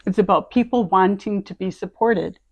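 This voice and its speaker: A woman's voice: mid-range voice, moderate pace, no room sound. A woman co-hosting a casual conversation, thinking aloud in short, reflective phrases. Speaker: co-host.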